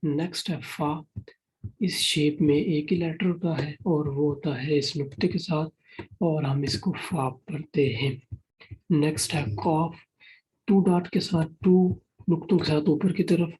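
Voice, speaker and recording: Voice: medium pitch, a little mellow, husky, poor audio. A Quran reading teacher giving a beginner alphabet lesson, patiently repeating each point and mixing in English words.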